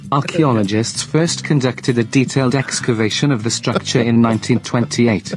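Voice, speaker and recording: Flat text-to-speech robot man's voice. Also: medium pitch, normal speed, faint music behind, poor audio. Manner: flat, sounds depressed. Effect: synthetic text-to-speech robot voice. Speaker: automated outro announcer. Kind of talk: read-out show outro.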